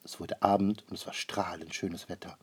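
A man narrating a children's storybook aloud in a calm, expressive way. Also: low-pitched, moderate pace, husky.

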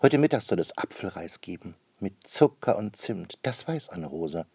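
A man reading a children's storybook aloud, gently expressive. His voice is husky, with an animated, wide-ranging pitch, recorded dry and close to the mic. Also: moderate pace, no room sound. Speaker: narrator.

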